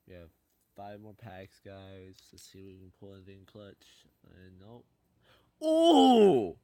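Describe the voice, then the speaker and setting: Young man, low and mellow voice, slow deflated pack-opening commentary, faint hum behind. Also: little pitch movement. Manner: dejected, mutters complaints, perks up at good pulls. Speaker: gaming channel host.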